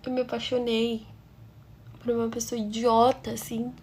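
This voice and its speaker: A woman's voice: fairly high pitch, level tone, normal speed, darkish tone, slight background noise. A woman with a Brazilian Portuguese accent narrating a personal story for her channel in a confiding, emotional way.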